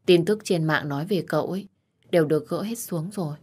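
A woman voicing a worried, protective young female best friend who fusses and scolds gently in an audio story. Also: deep voice, fast, slightly rough. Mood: caring. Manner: fussing, scolding, caring.

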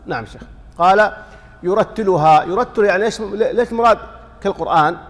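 A sheikh gives a fiqh lesson in a large hall, his high-pitched voice brisk as he explains a text. He quizzes listeners with rhetorical questions and sometimes chants sample lines as demonstrations.

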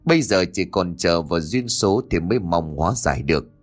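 A man voicing a calm, stern middle-aged male exorcist monk who speaks in a slow, solemn, measured way. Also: low-pitched, soft background music.

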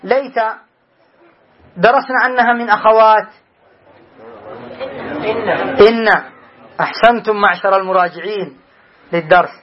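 A man's voice: high voice, normal speed, long pauses, muffled recording, a crowd in the background. A man teaching Arabic grammar as a sheikh in a class, explaining patiently, repeating examples and quizzing his students.

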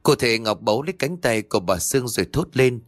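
A man narrating a ghost story in a steady, measured storytelling voice. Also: mid-range voice, dry recording, clean studio sound.

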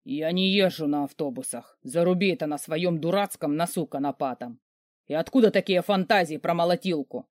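A woman voicing a hulking, short-tempered rich man who yells, snarls and mocks. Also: sits low, brisk, no echo, clean studio sound, lightly acted. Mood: sarcastic. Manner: yelling, sarcastic, snarling. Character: furious rich man, a hulking grumpy boss.

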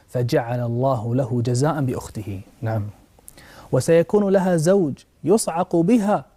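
A man's voice: medium pitch, dark tone. A male preacher giving a religious talk. He tells a story with passion, his voice rising sharply at the dramatic moments, and he speaks directly to his listeners as brothers and sisters.

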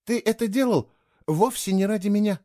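A man's voice: sits high, moderate pace, mellow, no room sound, clean studio sound, voice pushed up, close to an everyday voice. Cool mocking young woman, as a man puts her on. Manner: curt, mocking, matter-of-fact. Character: brisk cool-headed young woman traveler.

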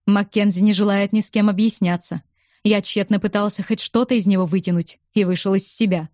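A woman's voice: medium pitch, fairly even intonation, fairly quick, darkish tone, no room sound, studio quality, natural voice. A woman doing an angry accusing young man. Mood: angry pressing. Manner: accusing, hard-pressing.

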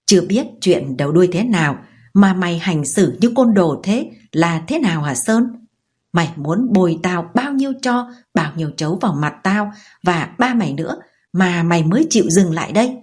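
A woman voicing a stern, sharp-tongued mother-in-law who scolds in a quick, shrill way. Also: expressive, husky. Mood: scolding.

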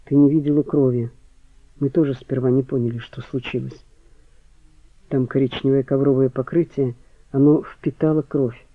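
This is a shaken young man talking in a dull, muffled way, voiced by a male reader. He has a middle-pitched voice. The sound is dry and narrow, like a phone. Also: moderate pace, no room sound, natural voice. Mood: grim. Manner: muffled, flat.

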